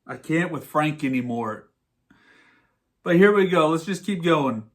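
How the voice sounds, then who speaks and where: A man's voice: a little high, expressive, a little slow. A man hosting a podcast, giving a sarcastic, exasperated movie rant. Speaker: podcast host. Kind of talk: ranting movie commentary.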